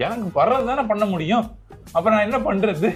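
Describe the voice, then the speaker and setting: A man's voice: high-pitched, animated, a little fast, faint music behind. A man vlogger in playful role-swap banter with his partner, whining and complaining. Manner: whiny, complaining. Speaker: couple vlogger.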